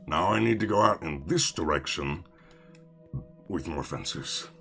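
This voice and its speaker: A male streamer with a low, gravelly voice chats loosely while he plays, jumping between topics and answering his viewers. His pitch swings up and down a lot, and he swears and makes fun of himself. Soft music plays behind him. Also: lively intonation, unhurried. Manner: rambling, self-mocking, swears casually, answers chat. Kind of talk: casual live-stream chat while gaming.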